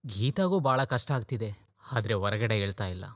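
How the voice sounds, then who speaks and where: A firm, caring elder brother. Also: male voice, on the low side, expressive, a little fast, dry recording, clean studio sound. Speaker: dubbed film character. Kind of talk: dubbed film acting.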